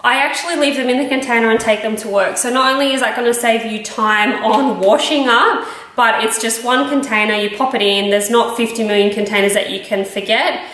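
A health vlogger in her thirties with an Australian accent casually walks the camera through a cooking routine in her home kitchen. Her voice sits on the high side, fairly bright, and she speaks fairly quickly with fairly even intonation. The kitchen sounds echoey, with background noise.

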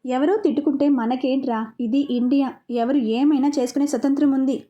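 A woman plays a carefree young man of twenty in a spoken story, teasing and eager. The voice is high and mellow. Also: steady tone, fairly quick, dull audio, lightly acted. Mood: playful.

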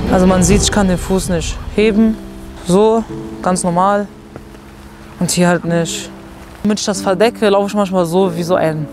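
A woman in her twenties from Germany, telling her own story in a candid, casual documentary interview, recorded outdoors in a garden with a lapel mic. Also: mid-range voice. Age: 20s. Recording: music bed behind the voice.

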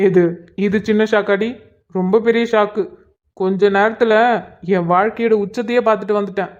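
In a cartoon, a woman with a medium-pitched, steady, slightly mellow voice close to an everyday one speaks briskly as an exasperated young college man. He pleads and groans, put-upon, while his girlfriend nags him. The sound is lo-fi.

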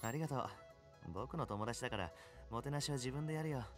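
A man voicing a suave young top-ranked gamer in a Japanese anime game, speaking with smooth, courteous confidence and quiet menace. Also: medium pitch, soft background music, lightly acted. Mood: courteous, easygoing. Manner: smooth, courteous, unhurried phrasing with cool confidence.

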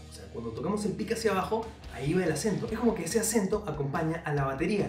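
A man's voice: a little high, a little mellow, echoey room, recorded from a distance. A young man giving a casual guitar lesson, explaining each step directly to the viewer. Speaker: guitar teacher. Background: faint guitar playing.

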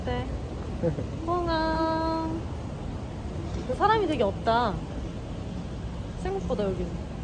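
A woman's voice: very high-pitched, very animated, slow pace, pauses often. A woman vlogging casually through a face mask, chatty and exclaiming at what she sees. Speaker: travel vlogger. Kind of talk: casual vlog chat. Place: airport and restaurant, indoors. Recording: loud ambient noise around.

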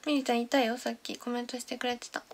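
A young woman hosting a casual livestream, chatting and thanking viewers by name, sometimes dropping to a soft whisper, on a close mic indoors. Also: a little high, little pitch movement, racing. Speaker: idol livestream host. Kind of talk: casual livestream chat reading comments.

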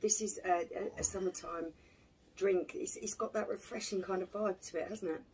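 Middle-aged woman, beer tasting notes, husky, slightly distant, home bar. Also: mid-range voice, steady tone, fairly quick, a little mellow. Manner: descriptive, gushing tasting notes. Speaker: beer reviewer, co-host. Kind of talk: casual beer tasting chat.

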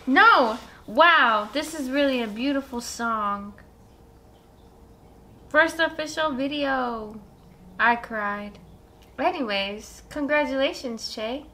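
A woman's voice: sits high, slow, bright, forceful tone, slight background noise. A woman co-hosting a casual music video reaction, laid-back, trading short remarks.

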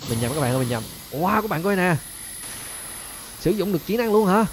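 A man hosting a gaming channel, giving excited gameplay commentary and talking straight to his viewers. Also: sits high, a little fast, a little hiss or hum. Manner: animated, keeps addressing viewers as "các bạn ơi".

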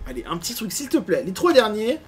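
Animated grumbling male gamer. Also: high voice, fast, soft background music. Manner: animated, grumbling and swearing at bad loot. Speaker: gaming YouTuber. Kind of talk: casual gameplay commentary.

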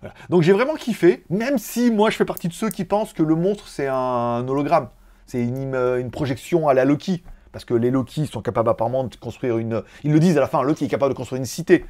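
A man's voice: mid-range voice, quick pace, darkish tone. A man hosting a tech vlog in casual chat, rambling loosely, swearing often and laughing at his own jokes. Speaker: tech vlogger host. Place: living in Thailand.

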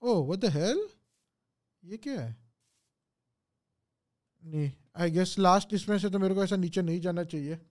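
This young gaming streamer talks somewhat slowly in a high, expressive voice with a darkish tone and long pauses. In a relaxed live session, he muses aloud about the game and replies to viewers, mixing in English phrases.

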